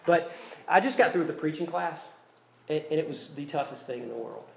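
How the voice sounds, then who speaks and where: A man's voice: on the high side, lively intonation, a little fast, gravelly, a little hiss or hum. A man with a Southern US accent preaching a sermon as pastor, conversational and self-deprecating, repeating his key phrases. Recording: echoey room with faint ambience.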